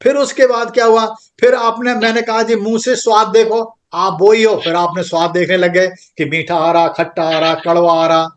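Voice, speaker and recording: A man's voice: high voice, little pitch movement, moderate pace, hardly any pauses. A man teaching a spiritual class online, explaining patiently and checking in with the listeners again and again. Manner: patient, repetitive explaining with frequent "theek hai". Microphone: computer microphone on an online group call.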